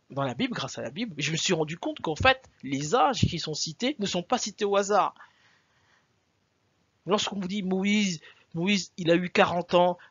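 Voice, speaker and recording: Man, husky voice, fairly high pitch, emphatic video lecture, dry dull recording. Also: fairly bright tone, dry recording. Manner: emphatic, repeats points, asks the audience rhetorical questions. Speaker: religious teacher.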